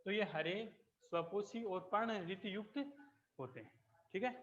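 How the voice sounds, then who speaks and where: A man teaching a biology class, explaining slowly, repeating key terms and checking that students follow. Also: high-pitched, a bit bright, lo-fi sound. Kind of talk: classroom lecture.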